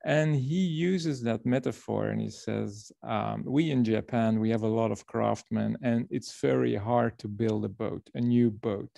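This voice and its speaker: A man's voice: fairly low pitch, unhurried, gravelly, few pauses, mellow, dry recording. A man from Belgium presenting to a workshop over a video call, explaining ideas through a story. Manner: storytelling, explanatory, repeats words.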